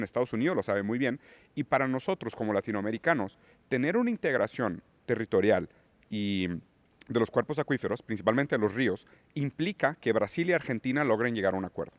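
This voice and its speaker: A man with a lowish voice, recorded dry, appears as a guest on a political podcast. He lectures on theory, rising into emphatic points as the conversation goes on.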